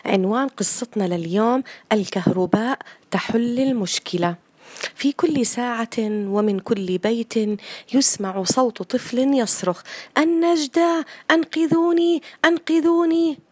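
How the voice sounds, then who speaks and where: A woman narrating a children's story in Arabic in a measured, expressive reading voice. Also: medium pitch, dry recording.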